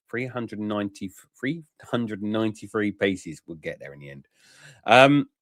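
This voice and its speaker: A man gives a plain-spoken, casual review in a lowish voice. He chats frankly and tags questions onto his remarks. The recording is dry and close, with no room sound. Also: no room sound. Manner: frank and chatty, with tag questions and many "um" fillers. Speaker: toy collector reviewer.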